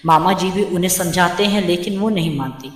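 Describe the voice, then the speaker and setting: A woman narrating a moral storybook tale in a steady, even manner. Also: lowish voice, brisk. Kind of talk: scripted narration. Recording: roomy with long reverb.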